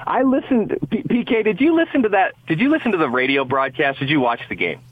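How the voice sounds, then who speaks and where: A man calling in as a sports radio guest, talking in a casual, rambling way with lots of restarts and small chuckles. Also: sits high. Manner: rambling, restarts often, chuckles between thoughts. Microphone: phone call. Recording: tinny phone line.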